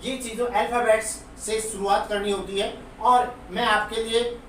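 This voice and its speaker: A man's voice: high-pitched, level tone, normal speed, a bit bright, a little hiss or hum. A man teaching an English lesson, explaining patiently and repeating example words to drill them. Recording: very echoey room, far from the mic.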